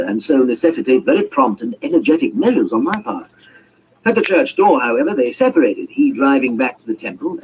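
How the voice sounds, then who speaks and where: A man reads a story aloud as a theatrical audiobook narrator, giving voices to the dialogue in a dramatic, scripted style. His high-pitched voice is creaky yet a little mellow. The recording is amateur, muffled and noisy.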